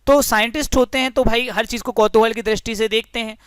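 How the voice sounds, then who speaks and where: A man's voice: very high-pitched, fairly even intonation, fast talker, fairly bright tone, clear, resonant tone, dry recording, studio quality. A young man teaching a physics lesson through a story, friendly and explanatory, often addressing the listeners as friends.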